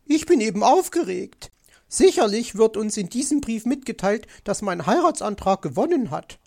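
A storybook narrator voicing Mrs. Magpie, a vain, excitable female magpie who nags and screeches. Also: moderate pace, vocal fry. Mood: excited. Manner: shrill, nagging.

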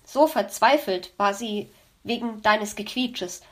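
A woman voicing a cheerful, teasing female elf in a children's audiobook, explaining and joking in a lively way. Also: medium pitch, slow. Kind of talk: audiobook reading.

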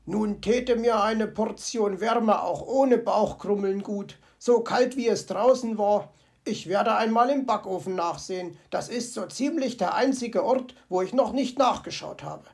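A woman's voice: mid-range voice, measured pace, creaky, a little mellow. A woman voicing a cheerful, fussy male fox from a children's storybook who chatters to himself with comic grumbling. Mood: delighted. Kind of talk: storybook character voice.

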